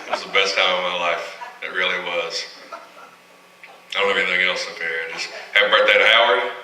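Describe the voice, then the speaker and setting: A man in his thirties doing loose, profane live stand-up comedy on a small arts center stage, breaking into loud shouted punchlines. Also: low-pitched, fairly even intonation, fairly quick. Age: 30s. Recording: roomy live hall, mic off at a distance.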